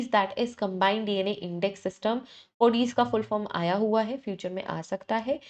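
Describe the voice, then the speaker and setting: Woman, revision lecture, brisk teacher, frequent check-ins, mixes in English terms. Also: mid-range voice. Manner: brisk, repeats "ठीक है" to check in, self-correcting.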